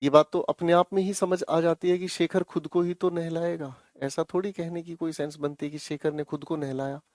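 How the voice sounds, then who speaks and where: Male tutor, slightly high voice, dry close sound, patient and repetitive. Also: flat delivery, normal speed, a little mellow, no echo. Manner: coaxing, repeats phrases, calls students children. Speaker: English teacher. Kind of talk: online class explanation.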